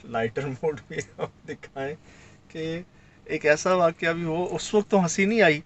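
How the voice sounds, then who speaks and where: A man's voice: on the high side, highs cut off. A man from Sindh telling a story in casual conversation, acting out the lines of the people in it. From Sindh, Pakistan. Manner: animated, acts out quoted lines. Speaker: guest recounting a field trip.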